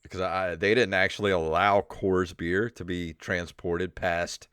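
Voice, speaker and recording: Deep and smooth, fairly bright in tone, the voice of this middle-aged comedic podcast host moves a little slowly with little pitch movement. The studio-quality recording has no echo, and royalty-free synth music plays underneath. He rambles casually, swearing and sounding mildly exasperated as he chats and reads aloud.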